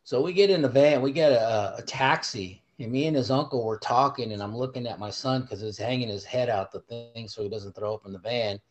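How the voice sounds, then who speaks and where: A middle-aged man tells a rowdy story with animated energy and plenty of swearing. He talks in a casual podcast chat and joins over a remote call. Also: mid-range voice, a little fast, hardly any pauses, faint music behind. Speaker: podcast guest, host's father. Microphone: remote call setup.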